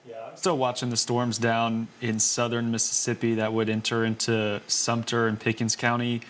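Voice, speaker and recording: A man's voice: medium pitch, completely flat delivery, moderate pace, a bit bright, a little hiss or hum. A man co-presenting weather coverage, giving a casual live storm update.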